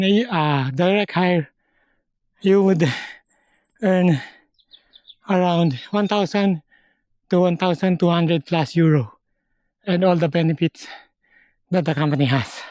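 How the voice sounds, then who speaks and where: A man from the Philippines vlogging a forest hike, explaining things slowly in short halting phrases, sometimes out of breath. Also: high-pitched, darkish tone, no echo. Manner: slow, halting, explains step by step. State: out of breath at times. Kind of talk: casual hiking vlog. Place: outdoors on a forest trail.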